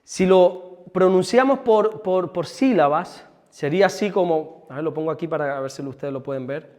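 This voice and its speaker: A man preaching a sermon as pastor, teaching with lively emphasis and stopping for quick asides to the people around him. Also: on the high side, in a large hall. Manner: animated, with asides to helpers about the screen. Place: church hall.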